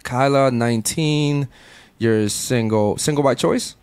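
A man with a medium-pitched, darkish and resonant voice hosts a casual podcast in a Miami studio, heard clearly with no echo. He's brash and profane, shooting rapid-fire questions at his guests.

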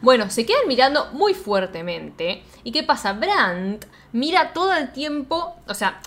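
A woman's voice: high-pitched, very animated, measured pace, fairly bright tone. A woman with an Argentine accent retelling a film scene by scene in casual, slangy chat, often laughing. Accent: Argentine Spanish.

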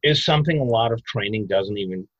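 A man explaining self-defense techniques in a podcast interview, animated and emphatic, breaking into loud mock outbursts. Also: on the low side, quick pace, no echo, lo-fi sound.

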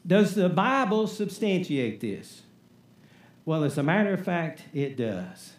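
Man, pastor preaching, high voice, emphatic call-and-response, echoey church. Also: big pitch swings, takes it slowly. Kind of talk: sermon.

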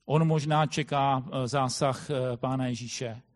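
A man preaching a sermon in a thoughtful way, often pausing with hesitant fillers as he explains. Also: mid-range voice, fairly even intonation. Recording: long hall reverb.

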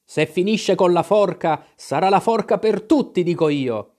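A brutal old sea captain, drunk and roaring, every line a loud demand. His voice climbs high and strains as he bellows, put on by a man reading a storybook aloud. The tone underneath is dark and heavy. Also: big pitch swings, drawn-out words, exaggerated voice. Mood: furious.

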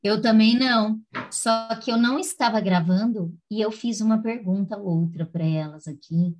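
A woman's voice: mid-range voice, normal speed, darkish tone, rough recording. A woman host talking in a chatty, reflective way. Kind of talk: casual chat.

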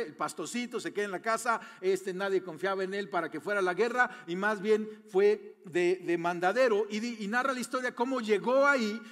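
Mexican guy preaching, high-pitched, casual and jokey, lots of questions, church echo trailing off long. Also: a bit bright. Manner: conversational, joking, many rhetorical questions. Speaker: pastor. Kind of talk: sermon. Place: church sanctuary.

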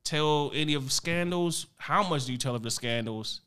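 A man's voice: on the high side, moderate pace, sharp tone, clean tone. A man hosting a casual movie podcast, reading out film news between jokes and laughter. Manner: laughs often, rattles off news items with fillers. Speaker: podcast host.

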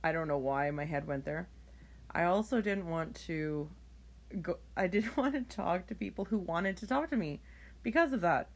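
Tired low-voiced woman podcasting late. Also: animated, moderate pace. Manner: rambling, self-deprecating, chatty. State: tired, yawning. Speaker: podcast host. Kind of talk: late-night solo podcast monologue. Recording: home recording, phone held up for clip.

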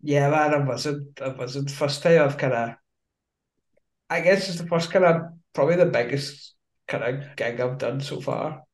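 A man's voice: on the high side, normal speed. Scottish guy w broad accent hosting a podcast, matey slangy chat, bit of an echoey room. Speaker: podcast host. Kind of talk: casual interview chat.

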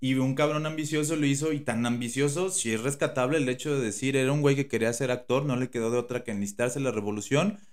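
A man with a Mexican Spanish accent chatting casually as a podcast co-host. He rambles and restarts often and fills his talk with slang. His voice sits at a middle pitch. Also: fast talker, hardly any pauses. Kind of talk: casual chat.

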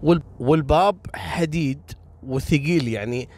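A man's voice: a little high, normal speed, darkish tone. Chatty male storyteller. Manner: chatty, addresses listeners directly with moral asides. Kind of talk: casual storytelling narration to listeners.

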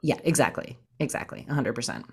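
A woman casually telling a funny story in a chat, animated and acting out quoted lines. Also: fast, gravelly, a little hiss or hum. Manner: animated, acts out quotes in a high voice.

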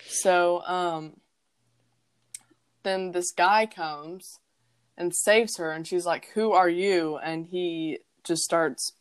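Young woman, podcast co-host, smooth clear voice, slightly low, casual rambling chat, dry close sound. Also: steady tone, very slow, pauses often, no room sound. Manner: chatty, rambling, with frequent fillers. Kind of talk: casual book discussion.

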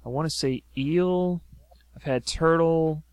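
A South Louisiana man hosts a podcast, chatting casually and rambling through his stories with plenty of fillers. His voice is a little high and slow, with no room sound.

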